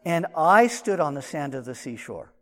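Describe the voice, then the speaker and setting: A man with a fairly high voice talks through scripture in a relaxed, explaining way, adding asides as he goes. The sound is muffled, as if picked up from inside his shirt pocket. A long reverb trails behind him from a large hall. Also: moderate pace. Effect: muffled, recorded from a shirt pocket. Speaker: Bible teacher. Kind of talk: verse-by-verse Bible teaching.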